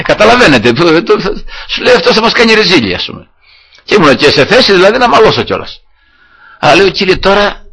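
Lively, husky Greek-speaking preacher man. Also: fairly high pitch. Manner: animated storytelling, acting out dialogue. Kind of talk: sermon with personal testimony.

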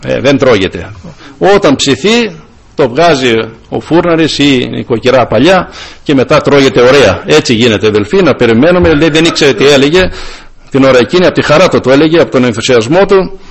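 A man's voice: lively intonation, husky. Greek preacher man giving a sermon. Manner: addresses listeners as brothers often, rises in pitch to stress points.

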